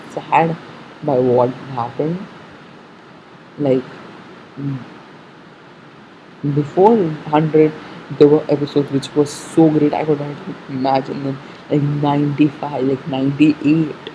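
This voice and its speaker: A fan giving casual commentary on an episode preview, haltingly thinking aloud, repeating and correcting themselves, on a muffled recording. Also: medium pitch, mellow. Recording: muffled sound with faint background noise.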